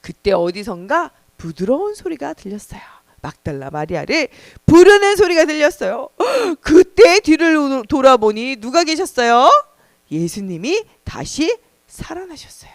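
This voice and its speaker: A woman pastor telling a Bible story at a children's service, animated and asking the children questions. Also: high-pitched, a little slow, dry recording, clean studio sound. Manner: animated, asks children questions, gasps for drama. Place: church.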